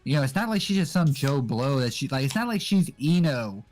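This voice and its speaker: A young man guesting on a casual anime discussion, explaining in a relaxed way with lots of fillers. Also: medium pitch, brisk, faint music behind. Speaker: guest co-host.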